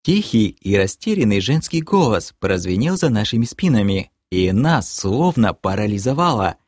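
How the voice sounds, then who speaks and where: A man narrates an audiobook in the first person with brisk energy and a lively, swinging pitch. His mid-range voice sounds close and dry, with no room around it and no echo.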